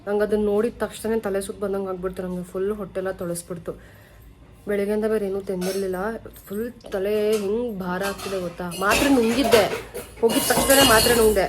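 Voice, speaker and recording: A woman's voice: mid-range voice, steady tone, brisk. Chatty young woman vlogging. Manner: chatty, storytelling, shifts loud and soft. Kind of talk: casual home vlog chat.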